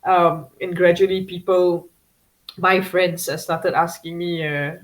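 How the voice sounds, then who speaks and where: A woman's voice: fairly low pitch, level tone, unhurried, low-quality recording. A woman from Singapore, a guest chatting casually in an interview, with many fillers, restarts and laughs.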